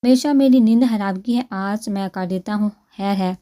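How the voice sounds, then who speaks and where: Brief: offhand young man, woman narrator voicing him, relaxed, warm tone. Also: medium pitch, natural voice. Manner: offhand, careless. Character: cool, teasing young husband.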